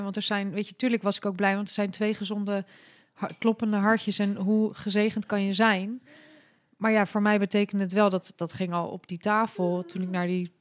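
A woman guest telling a personal story in a casual interview. She talks candidly and hesitantly, with frequent pauses, filler sounds and restarts, and laughs easily. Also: mid-range voice. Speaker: podcast guest.

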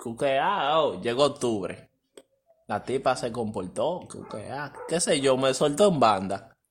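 A man, co-hosting a podcast, telling a story in animated, laughing, slangy casual chat. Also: mid-range voice, slow pace, slight background noise. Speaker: podcast co-host.

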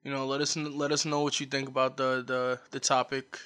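A man's voice: mid-range voice, little pitch movement, a little fast, sharp tone, smooth. A young man co-hosting a casual podcast, talking emphatically and often checking in with "you know what I mean.". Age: young adult. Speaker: podcast co-host. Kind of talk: casual chat.

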